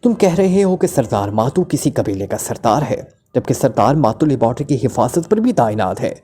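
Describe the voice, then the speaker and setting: A woman's voice: a bass voice, sing-song, moderate pace, dark tone, husky, exaggerated voice. A man reading a story voices a cold, ruthless female secret agent who interrogates with curt, snarling commands. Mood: commanding.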